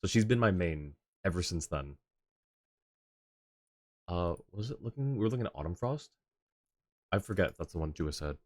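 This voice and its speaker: A man with a deep voice and lively intonation streams a game live indoors, speaking at normal speed but with long pauses. He casually thinks aloud while reading what appears on screen and in chat, with faint game music in the background.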